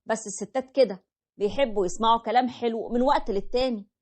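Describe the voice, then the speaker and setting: A woman voicing a calm older man with an Egyptian accent, soothingly giving advice. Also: on the high side, fast talker, natural voice. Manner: soothing, advising.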